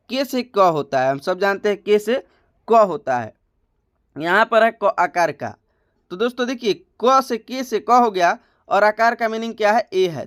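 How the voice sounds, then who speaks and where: A man's voice: sits high, a bit bright, clean tone, no echo, clean studio sound. A man teaching a lesson step by step, patient and repetitive, often checking in with his viewers.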